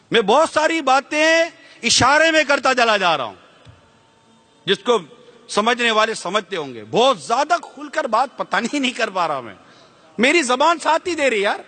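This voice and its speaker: A man's voice: extremely high pitch, bright, forceful tone, long reverb tail. A man preaching with passion to an audience, firing rhetorical questions at them and slipping English words into his speech. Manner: fiery rhetorical questions to the listeners. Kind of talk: impassioned sermon.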